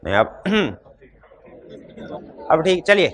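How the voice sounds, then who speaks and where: A man teaching law in a hybrid classroom. He has a sore throat, speaks loudly into a microphone, and keeps putting questions to his students. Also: a little high, big pitch swings, slow. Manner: quizzes students with repeated questions. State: throat trouble, talking loudly. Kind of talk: classroom lecture.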